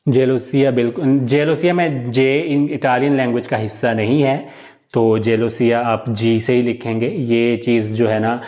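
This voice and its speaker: Teaching Italian live online, a man explains things step by step, poses questions he then answers himself, and blends Hindi-Urdu with English and Italian vocabulary. His voice is mid-range, fairly even in intonation and a little mellow at normal speed, with the highs cut off.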